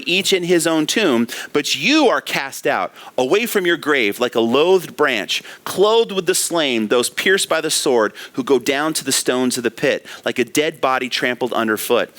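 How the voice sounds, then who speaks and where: A man preaches in a church with a bright, forceful voice. His pitch swings widely as he asks rhetorical questions and stresses the scripture he reads. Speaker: pastor. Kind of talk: expository sermon.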